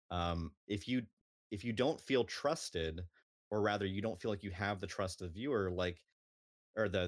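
A man's voice: lowish voice, no room sound, studio quality. A man in natural unscripted talk, a streamer on a panel thoughtfully explaining his view with examples.

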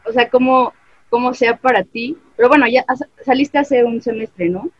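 A woman's voice: fairly high pitch, normal speed. A woman, co-hosting a podcast in casual chat. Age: 20s. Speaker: podcast co-host. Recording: dull lo-fi call audio.

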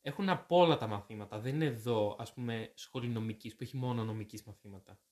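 Chatty young Greek man telling stories. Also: medium pitch. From Greece. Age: young adult. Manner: chatty, animated storytelling with self-corrections. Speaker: guest. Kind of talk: casual chat.

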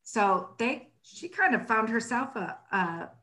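Woman author guest, relaxed and chatty, voice a little high. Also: takes it slowly, poor audio. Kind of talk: casual chat.

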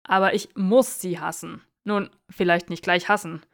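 A woman voicing a brash, agitated young male wizard in an audiobook reading, loud and defensive. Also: fairly low pitch, fairly even intonation, moderate pace, natural voice.

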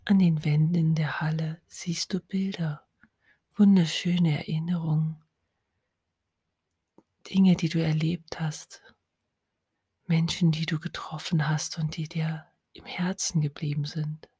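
A woman whispering a slow, soothing guided hypnosis close to the mic. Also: deep voice, level tone, dark tone, husky, no echo.

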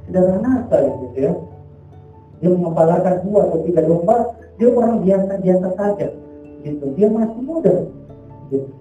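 Male preacher, casual testimony, high and dark-toned, heard from a distance in a booming hall. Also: animated, fairly quick, long pauses, faint music behind. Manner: casual, repeats filler tags constantly. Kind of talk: sermon testimony. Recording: very echoey hall, far from mic.

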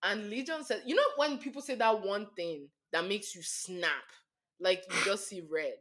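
A woman's voice: mid-range voice, normal speed. A woman co-hosting a casual podcast, retelling a wild story with lots of laughter and acted-out quotes. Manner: animated retelling, acts out quotes, laughs often. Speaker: podcast co-host.

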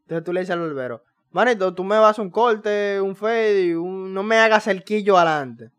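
A man with a fairly high voice and a Dominican Spanish accent jokes around with his co-host. He talks in laid-back slang on a casual podcast. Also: moderate pace, a bit bright, clear, resonant tone. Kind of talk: casual chat.

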